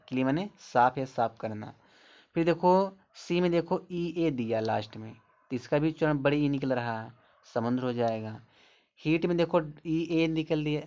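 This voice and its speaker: A man teaching English pronunciation in a spoken lesson, explaining slowly and repeating each word and its meaning. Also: fairly high pitch, darkish tone. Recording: dull lo-fi audio.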